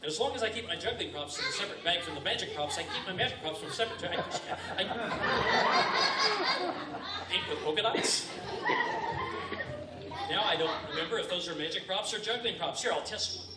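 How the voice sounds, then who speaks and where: A man performs live comedy juggling and magic on stage with a high-pitched, fast voice and lively intonation, over a loud crowd. He adopts the playful, pretend-baffled patter of a kids party magician. The recording, made from far off before a live audience, is noisy and echoey.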